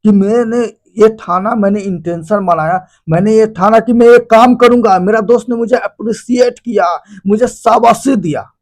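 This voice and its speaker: A man's voice: sits high, normal speed, hardly any pauses, a little mellow. A man teaching an informal lesson, acting out the quoted people in his examples and laughing at his own jokes. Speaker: teacher explaining a life lesson.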